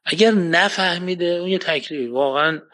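A man giving an emphatic religious talk. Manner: lively, rises to emphatic points then drops low; quotes Arabic verses. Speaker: preacher. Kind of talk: religious lecture.

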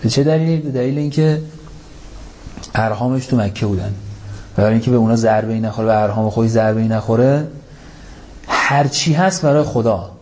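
A man's voice: mid-range voice, pauses often, a little mellow. A man giving a Quran commentary sermon, asking rhetorical questions and reciting Arabic verses, stressing key points with an emphatic rise. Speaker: religious lecturer.

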